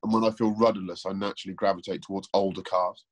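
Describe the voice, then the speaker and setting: A man's voice: low-pitched, flat delivery, fast talker. A man, a car presenter, giving opinionated, thoughtful answers in a casual interview over a remote call, with frequent restarts. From England.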